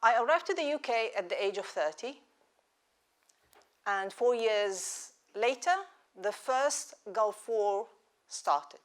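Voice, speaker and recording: A woman in her sixties from Iraq, raised in Israel, telling her life story in a measured, reflective talk with rhetorical questions. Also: on the high side, expressive. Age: 60s. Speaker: speaker at a live lecture event.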